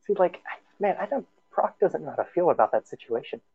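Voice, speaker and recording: A man's voice: a little high, expressive, fairly quick, husky. A man talking casually as a player in a tabletop game, on a muffled lo-fi microphone.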